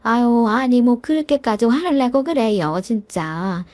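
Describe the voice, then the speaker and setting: A woman's voice: on the high side, lively intonation, measured pace, a little mellow, dry recording. A woman voicing an older mother-in-law who whines and defends her son in a told story. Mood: whiny defensive. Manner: whiny, defensive pleading. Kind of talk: storytelling with voiced characters.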